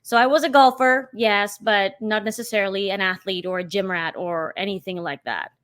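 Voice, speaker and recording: A woman's voice: medium pitch, normal speed, fairly bright tone. A woman in her thirties from Colombia, a podcast guest talking casually and emphatically, with plenty of "you know". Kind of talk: casual interview chat.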